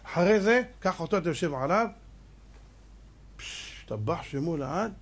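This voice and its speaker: A man, a rabbi, giving a lively religious lecture, firing rhetorical questions at his listeners and acting out little scenes with sound effects and mock voices. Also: on the high side, breathy edge. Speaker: rabbi giving a Torah class.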